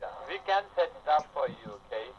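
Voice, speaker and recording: A man on the other end of a phone call, pitching tech support and ending his phrases with a repeated "okay?". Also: lively intonation, brisk. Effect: heard over the phone. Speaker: caller posing as tech support. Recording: muffled phone line with faint hiss.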